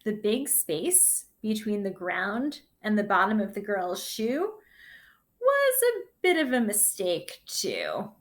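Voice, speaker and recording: In a read-aloud lesson, a sixth grade teacher shares a picture book with young listeners. Her medium-pitched voice is soft and deliberate, full of expression, and she pauses for personal commentary.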